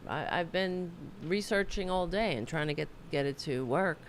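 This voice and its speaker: A lowish female voice, moderate in pace, comes through with a little hiss or hum. She's the host of a political talk livestream, speaking casually from her home office; slightly sick and losing her voice, she rambles, jokes at her own expense, swears and corrects herself.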